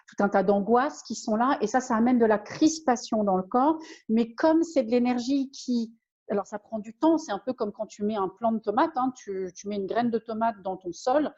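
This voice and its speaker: A woman's voice: fairly high pitch, warm tone. Reflective woman, dull lo-fi audio. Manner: hesitant, many fillers, slows to reflect. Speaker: co-host. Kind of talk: casual live discussion.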